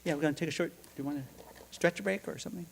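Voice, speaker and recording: Halting man giving a seminar talk. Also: fairly high pitch, vocal fry, slight background noise. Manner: halting, repeats words, asks the audience questions. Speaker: seminar speaker. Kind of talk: conference talk. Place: seminar room.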